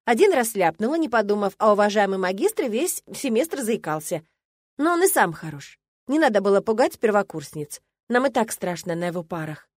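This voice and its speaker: A woman reads a fantasy audiobook in the first person. Her voice has a middle pitch and a wry, ironic edge. The recording is close and fully dry, with no room around it. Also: sing-song, normal speed, dry recording. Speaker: audiobook narrator.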